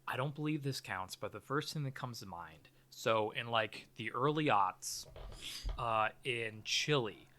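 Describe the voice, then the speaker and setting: Wry man with a mid-pitched podcast voice. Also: lively intonation, measured pace, sharp tone. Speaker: podcast co-host. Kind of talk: casual comic chat and film recap.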